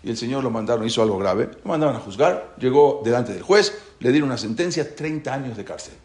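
A man teaching a religious class, talking in an animated way and asking rhetorical questions. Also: medium pitch, quick pace. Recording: roomy echo.

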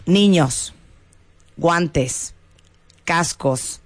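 A woman's voice: lowish voice, drawn-out words, dry recording. A woman, teasing a friend and listing things off in a casual chat. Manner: teasing, lists items off one by one.

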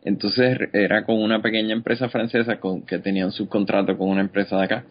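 A man in relaxed podcast chat with a lowish voice, easing into an anecdote and laughing along with his co-host. The recording is slightly dull. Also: fast. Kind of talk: casual chat.

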